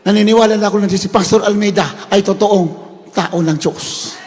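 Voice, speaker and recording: A man preaching a sermon, telling a story that swings from hushed retelling to shouted praise. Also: high-pitched, steady tone, moderate pace, in a large hall.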